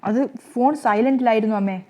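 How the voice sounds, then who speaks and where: A woman voicing a patient young husband who answers in a quiet, placating way. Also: a little high, a little fast, lightly acted. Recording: slightly muffled lo-fi recording.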